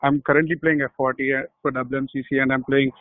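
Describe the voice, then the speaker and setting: A man's voice: medium pitch, little pitch movement, quick pace. A man from Hyderabad, a guest cricket player speaking modestly over a phone call. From Hyderabad, India. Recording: tinny phone line.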